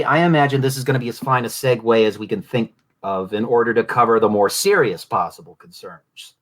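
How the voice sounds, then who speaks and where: A man with a mid-Atlantic accent that sometimes slips toward Southern delivers a thoughtful podcast monologue. His phrasing is elaborate and formal. His voice sits at an ordinary middle pitch. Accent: mid-Atlantic, shifting toward Southern. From Southwest Florida. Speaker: podcast host. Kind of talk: reflective solo monologue.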